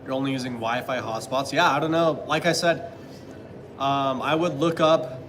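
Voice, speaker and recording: A man in his thirties talks loosely to his live-stream viewers in a middle-pitched voice. He rambles and hedges, with many fillers and restarts. A steady noise runs under the recording. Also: moderate pace, low-quality recording. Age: 30s. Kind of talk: casual live-stream chat reading viewer comments.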